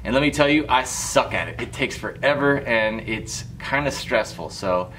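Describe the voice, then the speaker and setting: A man's voice: mid-range voice, lively intonation, moderate pace, pushed and bright, a little hiss or hum, rough recording. A young man chatting casually to the camera in an informal, easygoing way as a vlogger. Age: young adult. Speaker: vlogger, automotive lighting shop owner. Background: music.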